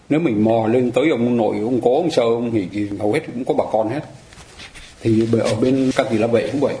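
Mellow-voiced teacher. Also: male voice, medium pitch. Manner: conversational, asks listeners rhetorical questions. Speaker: Buddhist dharma teacher. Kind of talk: explanatory dharma lecture. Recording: roomy echo, faint ambient noise.

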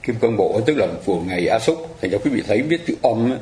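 A man's voice: on the low side, expressive, quick pace, reverberant, noisy background. A man teaching a Buddhist class, explaining patiently and addressing his listeners politely. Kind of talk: dharma class lecture.

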